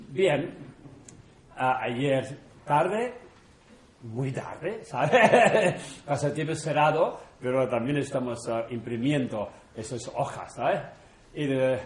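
A man, a monk, talking casually to a small group in halting non-native Spanish, full of fillers and tag questions. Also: fairly high pitch. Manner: unhurried, chatty, often chuckling. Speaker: monk leading an informal group session. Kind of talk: informal talk to a small group. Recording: roomy echo in an indoor room.

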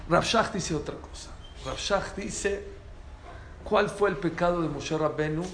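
A man with a fairly high voice teaches a small group, animated and full of rhetorical questions. The sound is roomy, with a faint hum of noise behind him. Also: a little slow. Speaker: Torah teacher. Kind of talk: lively spoken Torah class.

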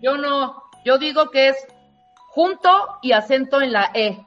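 A woman, taking part in a spelling quiz with quick agreeable replies. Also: sits high, muffled recording, faint music behind. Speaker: quiz participant.

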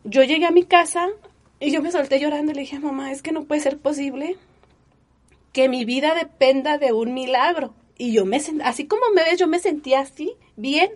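A woman, telling her personal story in an interview with earnest, animated feeling and many fillers. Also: high voice, normal speed. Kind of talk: emotional personal testimony.

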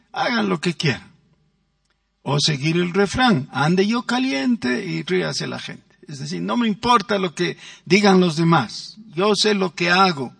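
A man's voice: sits high, creaky, fairly bright tone, no echo, distant mic. A man preaching a sermon as pastor, stressing words and acting out quoted voices. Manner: emphatic, drawn-out words with acted quotes.

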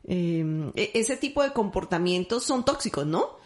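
A woman's voice: on the low side, lively intonation. A woman who hosts the conversation and teaches dubbing, talking casually and hesitating with fillers. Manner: hesitant, fills pauses with eh. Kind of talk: casual chat.

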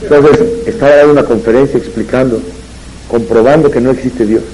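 A man delivers a rabbi's Torah lesson full of anecdotes. His voice is warm and dark, and it rises and gets louder when he drives a point home. A faint hiss sits under the recording. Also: medium pitch, fairly even intonation, brisk, poor audio. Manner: storytelling, rising and louder on emphatic points. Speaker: rabbi giving a Torah talk. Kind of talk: religious lecture with anecdotes.

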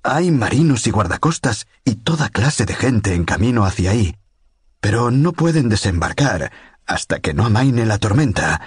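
A man's voice: on the low side, sing-song, unhurried, breathy edge, no room sound, studio quality, pitched above the performer's own voice, heavily acted. Man doing a weary, irritable official. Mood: tense, controlled. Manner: terse, impatient.

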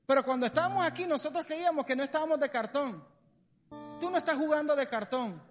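A Colombian man preaching a sermon in a church hall, animated and lively. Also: very high-pitched, fast, soft background music. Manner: animated, acts out comic voices. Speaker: pastor. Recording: long hall reverb.

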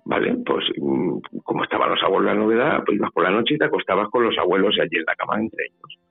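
A man's voice: low-pitched, sing-song, quick pace, creaky, husky. A man from Spain with a Spanish accent, telling a personal story as a guest in a phone interview, hesitant and repeating his words. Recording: tinny phone line with faint music.

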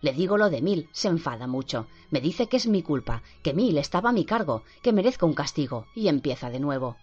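Un chico asustado y dolido, en boca de una lectora de voz baja, habla con frases cortas y entrecortadas. La grabación es sorda, con una música suave por detrás. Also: female voice, low-pitched, very animated, fairly quick, a little mellow, breathy edge, heavily acted. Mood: fearful. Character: frightened abused young boy recounting. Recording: dull lo-fi with faint music.

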